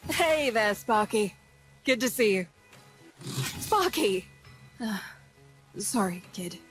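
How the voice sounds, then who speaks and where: A woman's voice: mid-range voice, lively intonation, slow, fairly bright tone, soft background music, poor audio. An actress playing a tough, wisecracking woman squad leader in video game dialogue, brash and teasing with nicknames for everyone.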